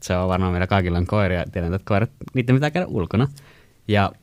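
A young man with a lowish voice tells a story in a casual chat, rambling through fillers and hesitations. He gets animated when quoting people. The sound is close and dry, with no room echo.

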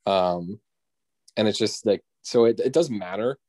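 A young man with a lowish, darkish voice talks fantasy football in an unhurried, casual way. He hedges his points, hesitates a lot, fills gaps with "um" and "like," and laughs often.

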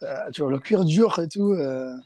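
A South African rugby player being interviewed casually speaks hesitant second-language French, full of fillers and restarts. His voice is fairly high and darkish, at normal speed, with no room sound.

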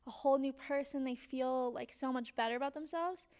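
A woman's voice: high voice, fairly quick, darkish tone. A young woman with a Valley girl way of talking, chatting casually as a podcast co-host. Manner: Valley-girl talk, peppered with "like" and "literally". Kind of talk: casual chat.

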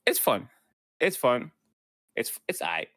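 A man's voice: medium pitch, big pitch swings, slow, fairly bright tone, no room sound, clean studio sound. A man co-hosting a casual gaming podcast, giving blunt, dismissive opinions. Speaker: podcast co-host.

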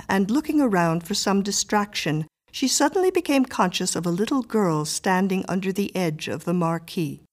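A woman narrating a story in an even, measured reading voice. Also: medium pitch.

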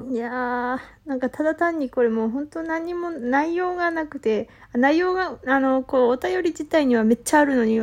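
A young woman hosting a casual solo audio talk, excitable and flustered, apologizing and laughing at herself as she talks in blunt, boyish casual speech. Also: high voice. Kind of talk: casual solo chat, reading a listener letter.

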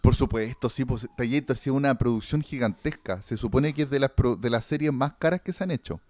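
A man's voice: medium pitch, fairly quick, darkish tone, no echo. A man with a Chilean accent hosting a podcast, talking casually and rambling about a series, full of slang and fillers. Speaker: podcast host. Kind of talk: casual chat reviewing a series.

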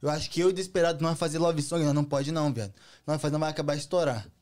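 Young male musician guest, Brazilian accent. Slightly high voice, rapid casual delivery, heavy slang and swearing. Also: darkish tone. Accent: Brazilian Portuguese. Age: young adult. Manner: slangy, swearing, boastful storytelling. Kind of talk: casual chat.

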